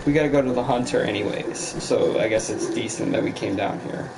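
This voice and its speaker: A man's voice: medium pitch, brisk, vocal fry, very noisy. A man streaming a game with casual commentary, rambling as he thinks aloud. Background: loud game music.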